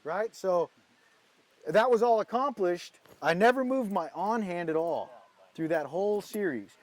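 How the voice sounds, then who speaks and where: A man's voice: high-pitched, lively intonation, unhurried, dry recording. A man giving a casual, folksy hands-on lesson as a goose calling instructor.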